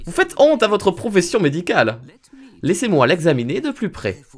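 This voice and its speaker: A man's voice: sits high, wildly swooping pitch, normal speed, pitched above the performer's own voice, exaggerated voice. A man reading the lines of a clever, haughty male detective in a video game, in a lofty, theatrical way.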